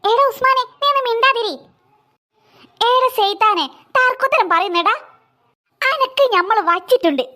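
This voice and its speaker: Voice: extremely high pitch, moderate pace, long pauses. A voice actor doing a scolding Malabar aunt. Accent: Malabar Malayalam. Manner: sharp, scolding, ear-pulling threats. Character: strict scolding elderly aunt.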